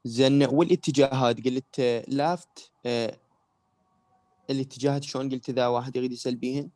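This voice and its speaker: A man's voice: medium pitch, steady tone, fast, dark tone. A male student with an Iraqi Arabic accent, asking his teacher short questions.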